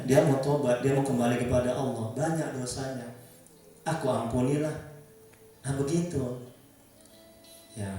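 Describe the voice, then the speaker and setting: A man preaching and counseling a small congregation in a gentle, repetitive way, often asking his listeners questions. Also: mid-range voice. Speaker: Islamic preacher leading a ruqyah session. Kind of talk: religious counseling talk to a congregation. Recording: echoey room, distant mic, faint music.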